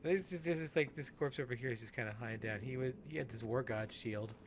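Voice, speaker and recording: A let's play podcast host gives improvised, casual game commentary, rambling and halting as he often restarts and trails off. His voice sits at an average male pitch, and steady noise can be heard behind it.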